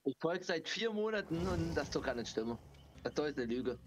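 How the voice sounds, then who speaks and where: A man's voice: a little high, lively intonation, brisk, over a noisy crowd. A man chatting casually with friends in a gaming voice chat. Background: faint music.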